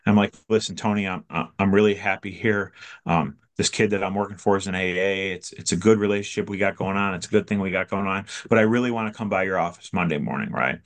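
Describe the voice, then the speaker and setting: A man's voice: low-pitched, quick pace. A man telling a personal recovery story in a conversational way, acting out the dialogue and often stopping to restart his sentences.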